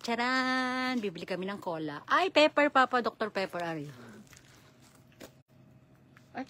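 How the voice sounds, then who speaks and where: A woman's voice: a little high, lively intonation, a little slow, sharp tone. A woman chatting casually as she walks hotel grounds at night, laughing often and slipping Japanese words in, out of breath from the cold. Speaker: travel vlogger. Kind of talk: casual walking vlog narration.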